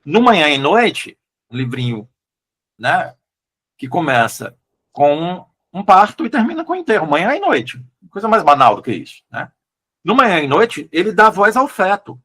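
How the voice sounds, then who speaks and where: A Brazilian man, a literary translator, talking through his choices in a relaxed interview, with frequent restarts and questioning tags. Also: high voice, moderate pace, breathy edge. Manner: thoughtful, hesitant, many restarts and "né?" tags. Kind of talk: casual conversational interview.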